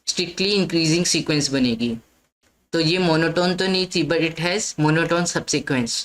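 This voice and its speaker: A woman's voice: deep voice, normal speed, low-quality recording. A woman teaching a maths lesson, explaining step by step and often checking in with her listeners. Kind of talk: lecture mixing Hindi and English.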